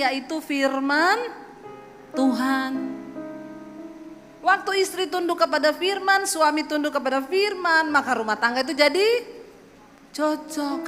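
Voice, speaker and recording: High-voiced woman pastor from Sulawesi. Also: big-room sound. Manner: lively storytelling, acts out quoted voices. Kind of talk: sermon testimony.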